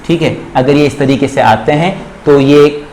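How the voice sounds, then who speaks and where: A man teaching Sanskrit grammar in a classroom-style lecture, with a Rajasthani Hindi accent, drawing out each example slowly and repeating it. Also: a little high, darkish tone, slight background noise, poor audio.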